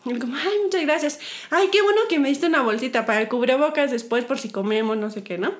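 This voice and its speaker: Young woman, Mexican accent, high voice, animated, giggly storyteller. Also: quick pace. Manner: animated, giggly, acts out her own quotes. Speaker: podcast co-host. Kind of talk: casual storytelling chat.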